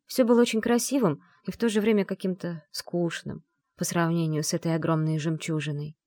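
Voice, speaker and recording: A woman narrating a first-person audiobook in a lively, expressive way. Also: lowish voice, fairly quick, no echo, studio quality.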